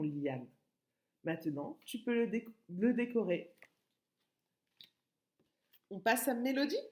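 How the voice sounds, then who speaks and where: Slow, sing-song woman teacher. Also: on the low side. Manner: spells letters out slowly, lively sing-song rises. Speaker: preschool teacher. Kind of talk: slow, clear teaching to small children.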